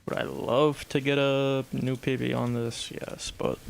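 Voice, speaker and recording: A man's voice: mid-range voice, level tone, measured pace, creaky, a little hiss or hum. A young man streaming an aim-training session, talking casually and rambling, often restarting his sentences as he plays. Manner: rambling, self-correcting, chatty. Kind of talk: casual gaming commentary.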